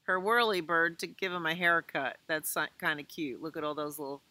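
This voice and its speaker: A children's librarian, an American woman in her sixties, reads a picture book aloud to little ones in a leafy garden outdoors, pausing for simple explanations and questions. She speaks a little fast, in a low voice with a sharp tone.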